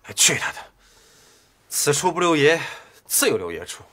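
An actor playing a proud young husband out of work, indignant at times and earnest at others, in a TV drama. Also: male voice, lowish voice, sing-song, fast, breathy edge. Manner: indignant, then earnest and reassuring. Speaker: laid-off office worker, husband. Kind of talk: TV drama acting. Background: music score.

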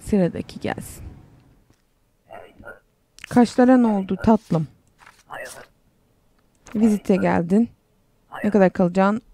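Young woman chatting through a game, sarcastic, reads stuff out loud, warm mellow tone. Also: mid-range voice, slow pace, vocal fry, long pauses, a little hiss or hum. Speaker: game streamer. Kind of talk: casual gameplay commentary.

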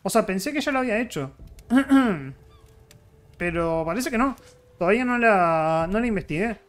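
A man's voice: high-pitched, animated, moderate pace. A man with a Rioplatense Spanish accent, chatty let's-play commentary as he thinks aloud through crafting and fights. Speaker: gaming YouTuber.

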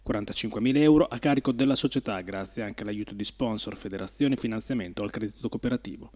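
Guy reading a local news report fast, mid pitch. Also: darkish tone. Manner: brisk, reading a script. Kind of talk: scripted news voice-over.

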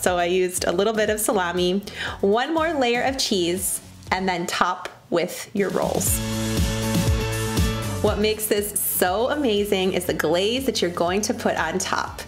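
Cheerful and chatty, this thirty-something Midwestern woman hosts a cooking channel and narrates the recipe steps in a mid-range voice. The voice-over sits beneath loud background music.

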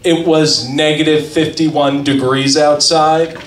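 A man's voice: on the high side, steady tone, slight background noise. A young man from Massachusetts doing conversational stand-up on a small open mic stage, holding the mic. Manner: brisk, conversational storytelling. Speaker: stand-up comedian. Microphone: handheld mic. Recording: roomy, from far off.

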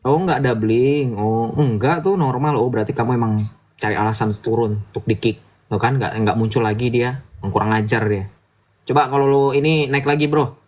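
A man's voice: medium pitch, normal speed, darkish tone. Chatty man lecturing on a livestream. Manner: chatty, lecturing, asks "betul nggak?" often. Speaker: livestream host. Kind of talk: casual livestream chat.

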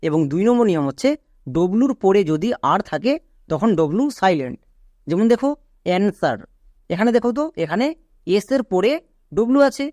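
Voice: medium pitch, lively intonation, moderate pace, pauses often, a little mellow, no echo, clean studio sound. A teacher giving an online pronunciation lesson. They patiently repeat each rule and spell words out one letter at a time.

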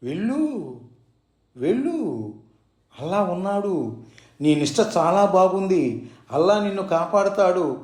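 A man's voice: sits high, a little slow, pauses often, darkish tone. A man voicing a revered old male saint who speaks to a devotee in a soothing, coaxing, fatherly way, in an echoey room. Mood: consoling.

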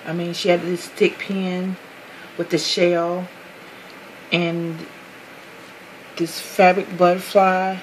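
Slow, gushing woman showing a craft box. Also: fairly low pitch, little pitch movement, a little hiss or hum, low-quality recording. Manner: gushing, apologetic, often addressing viewers as guys. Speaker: craft vlogger. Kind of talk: casual unboxing chat.

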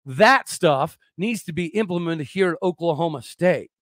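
Man, fired-up podcast host, high-pitched, dry close-mic sound. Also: lively intonation, normal speed, a bit bright, no room sound. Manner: emphatic, fired-up, with frequent restarts. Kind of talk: opinionated sports podcast talk.

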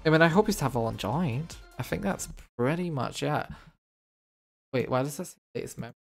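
A man's voice: mid-range voice, lively intonation, normal speed, creaky, soft background music. A man streaming a game live, chatting casually with his viewers and reading their messages. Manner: chatty, reacting to chat and wrapping up with thanks.

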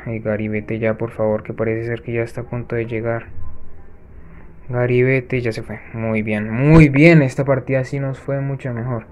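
A man hosting a let's-play, chatting to viewers as he plays and breaking off with quick gasping reactions. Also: medium pitch, flat delivery, a little mellow, slight background noise. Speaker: gaming channel host. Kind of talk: let's-play gameplay commentary.

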